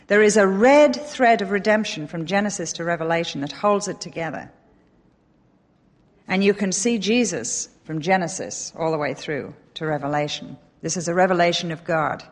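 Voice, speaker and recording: A middle-aged woman from England with an English accent, giving an animated, emphatic Bible teaching talk with a touch of self-deprecating humor. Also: lowish voice. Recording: long hall reverb.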